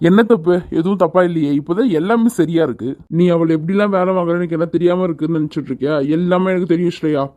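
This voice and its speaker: A voice actor playing a hot-tempered, protective young man in an animated cartoon, talking in a scolding, commanding way. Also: medium pitch, quick pace, hardly any pauses, close to an everyday voice. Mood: angry.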